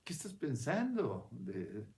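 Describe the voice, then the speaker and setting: A man giving a reflective spiritual talk in a conversational, unhurried way. He keeps checking in with his listener and restarts his phrases as he thinks aloud. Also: mid-range voice, huge pitch swings, a little mellow. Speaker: spiritual speaker.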